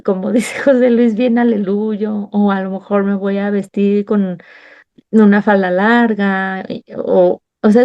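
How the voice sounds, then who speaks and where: A woman's voice: medium pitch, muffled recording. A woman with a Mexican accent leading a Bible study, sharing a heartfelt personal testimony and acting out remembered conversations. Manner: warm, storytelling, acts out remembered dialogue.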